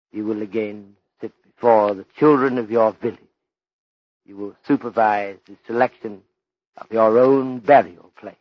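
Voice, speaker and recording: An actor playing a courteous, stern Chinese police detective in an old radio drama, speaking in deliberate, ornate English with articles dropped. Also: male voice, on the low side, dry recording. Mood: gently respectful. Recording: dull lo-fi old radio recording.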